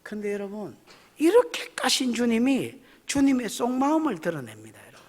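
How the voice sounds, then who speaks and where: A man's voice: extremely high pitch, sing-song, normal speed, darkish tone, breathy edge. A male pastor preaching a folksy, emphatic sermon at a church service, often asking the congregation questions. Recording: echoey church hall.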